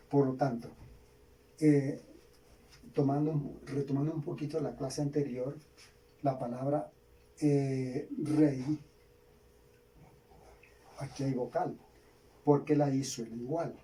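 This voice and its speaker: A Colombian man teaching a grammar lesson, slowly repeating key words for students to write down. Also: mid-range voice, dark tone. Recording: distant mic, faint background hiss.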